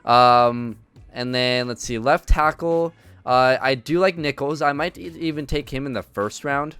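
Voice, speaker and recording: A man's voice: medium pitch, unhurried, fairly bright tone, clear, resonant tone, dry recording. A man giving casual gameplay commentary, thinking aloud with many ums and uhs. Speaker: video game commentator.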